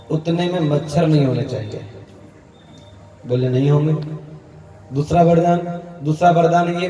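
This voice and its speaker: A man's voice: on the high side, dark tone, a little hiss or hum. A man preaching a Hindi katha, telling stories and acting out their dialogue in a storytelling manner. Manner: storytelling preacher, acts out dialogue, chuckles to the crowd. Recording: echoey hall, distant mic, faint ambience.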